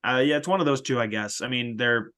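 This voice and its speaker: A man's voice: mid-range voice, a little fast, fairly bright tone. A young man co-hosting a sports podcast, talking casually and joking, often trailing off into fillers. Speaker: podcast co-host.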